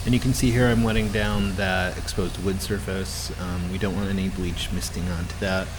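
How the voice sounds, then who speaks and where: A man's voice: deep voice, fairly even intonation, moderate pace. A man giving a casual, hesitant explanation as a roof cleaning contractor narrating his work. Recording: clearly noisy background hum.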